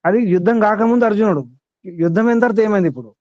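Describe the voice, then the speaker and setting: A man's voice: high voice, fast talker, darkish tone, lo-fi sound. A man teaching a spiritual discourse to students, asking them many rhetorical questions in an emphatic way.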